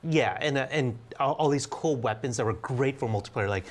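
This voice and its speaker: A man's voice: mid-range voice, fairly quick. A man co-hosting a games podcast, chatting eagerly and reminiscing about old games. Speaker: podcast co-host. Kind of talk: casual chat.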